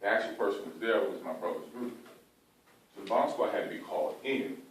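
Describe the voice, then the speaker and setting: An American man, middle-aged, giving an informal, earnest pre-game pep speech to his team as a coach, halting and repeating phrases for emphasis. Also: lowish voice, animated. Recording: echoey room, distant mic, faint background noise.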